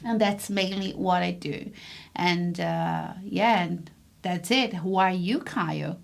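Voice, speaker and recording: A woman's voice: lowish voice, slow, gravelly. A woman from Brazil with a Brazilian Portuguese accent, co-hosting a casual podcast, playful and laughing often. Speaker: podcast co-host.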